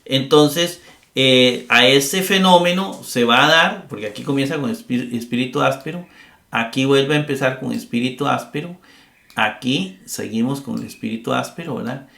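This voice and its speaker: A man's voice: mid-range voice, moderate pace, vocal fry, sharp tone, reverberant. A middle-aged man teaching a grammar lesson, explaining patiently with many fillers and tag questions. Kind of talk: recorded lecture.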